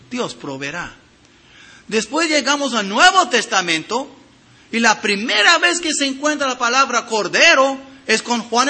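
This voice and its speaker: A man preaching a sermon, reading scripture aloud and addressing the congregation directly with emphatic swings of loudness. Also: high voice, breathy edge. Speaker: pastor.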